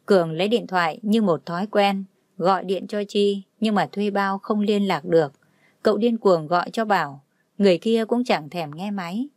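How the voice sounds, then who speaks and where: A woman narrating a dramatic story in a steady, even way. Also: medium pitch, normal speed, no echo, studio quality. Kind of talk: scripted narration.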